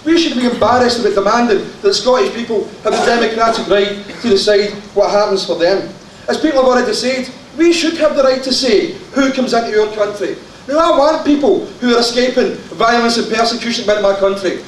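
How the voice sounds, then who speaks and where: Glaswegian man, fiery conference delegate, very high voice, shouts with jokes, boomy far-off hall. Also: fairly quick. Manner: impassioned, shouting, joking asides. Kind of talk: conference floor speech. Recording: echoey hall from far off, faint crowd and hiss.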